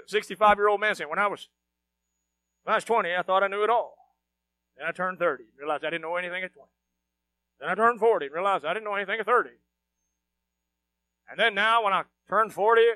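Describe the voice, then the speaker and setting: A middle-aged pastor delivers a sermon in a strikingly high voice, swinging between hushed asides and loud, emphatic bursts. He keeps firing rhetorical questions at the congregation. The recording is close and dry, with no room sound.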